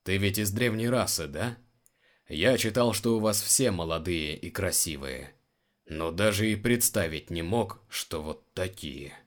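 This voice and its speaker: A man's voice: sits low, unhurried. A man reading the lines of a rueful, bluff male guard in his own voice. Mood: smitten.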